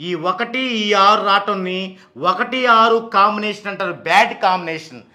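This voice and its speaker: High, bright-voiced man explaining slowly. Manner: repeats names slowly to show pronunciation; poses and answers his own questions. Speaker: numerologist explaining name sounds. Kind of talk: explanatory talk.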